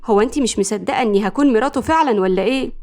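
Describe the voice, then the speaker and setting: A woman's voice: on the high side, racing, darkish tone, lightly acted. Woman doing a brash swooning Egyptian young woman. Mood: scheming. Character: lovestruck brash young woman obsessed with a footballer.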